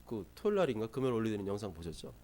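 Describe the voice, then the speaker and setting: A male pastor preaching a sermon from South Korea, lively, acting out scolding parents in quick asides. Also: lowish voice, a little hiss or hum. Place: church sanctuary.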